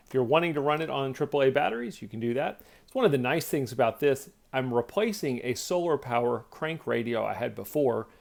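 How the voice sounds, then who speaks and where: This product reviewer has a gravelly, mid-range voice. His demonstration is casual, and he lays things out step by step in plain, straightforward terms.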